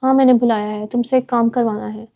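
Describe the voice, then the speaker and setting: A woman's voice: fairly high pitch, steady tone, lightly acted. A woman voicing a curt, commanding rich young man in a dull lo-fi recording.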